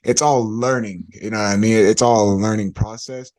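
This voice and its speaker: A man hosting a casual podcast, emphatic and animated, often repeating words as he talks. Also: lowish voice, moderate pace. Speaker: podcast host.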